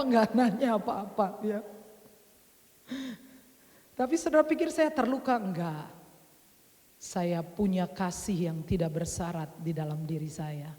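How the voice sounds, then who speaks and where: A woman preaching a sermon in a chatty storytelling manner, rising at times to loud exhortation. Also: medium pitch. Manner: conversational storytelling, swings from soft to loud exhortation. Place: large church hall. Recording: long church hall reverb.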